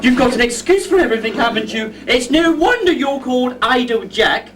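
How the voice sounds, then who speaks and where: A man playing a bossy, brash female cook as a pantomime dame, scolding loudly on an amateur village stage, recorded from far off with a noisy crowd. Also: very high voice, big pitch swings, a little fast. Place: pub skittle alley stage with audience. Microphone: far audience camera.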